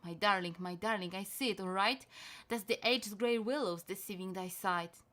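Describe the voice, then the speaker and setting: A woman voicing a calm father who reassures his son in a gentle, lowered tone. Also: a little slow, close to an everyday voice. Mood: soothing.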